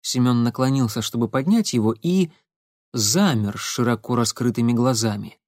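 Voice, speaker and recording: Steady male audiobook narrator, dry sound. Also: medium pitch, moderate pace, no room sound.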